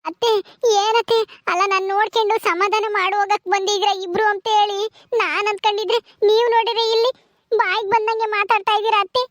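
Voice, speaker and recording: Brief: woman as a tearful young wife begging for release, very high whiny voice, dry close sound. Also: fairly even intonation, quick pace, no echo. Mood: pleading. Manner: pleading, whiny. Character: young jailed daughter-in-law, tearful and pleading.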